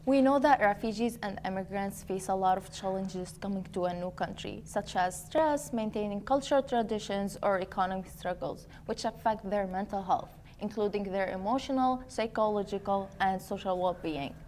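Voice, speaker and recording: A woman's voice: medium pitch, normal speed, few pauses, a little mellow. Young female interviewer, scripted questions, slight noise under the voice. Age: young adult. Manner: reads questions from a script, then backchannels often.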